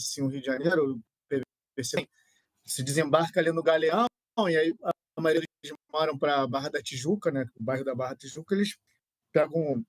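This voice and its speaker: A man's voice: fairly high pitch, dry recording. A male sports reporter giving a remote report while his video-call connection breaks up, so his words stutter and drop out. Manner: halting, repeated words as the audio drops out. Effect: choppy, stuttering unstable video-call connection. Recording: dry, dropping-out call audio.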